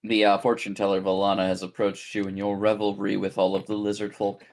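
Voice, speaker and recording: A man's voice: fairly low pitch, monotone, brisk, gravelly, a little mellow. A man narrating a tabletop game casually as game master.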